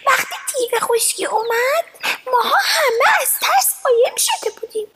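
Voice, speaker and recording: An actor voicing a kind, excitable little sparrow in a children's radio play, chirpy and quick. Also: very high voice. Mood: sorry. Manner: chirpy and quick, swinging between tearful and eager. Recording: heavy background noise.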